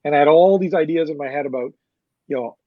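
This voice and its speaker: A man's voice: a little high, rapid-fire, no room sound, phone-quality sound. Man telling a profane promoter story. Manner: animated anecdote-telling with profanity and quoted dialogue. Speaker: interview guest, concert promoter. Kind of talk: casual storytelling interview.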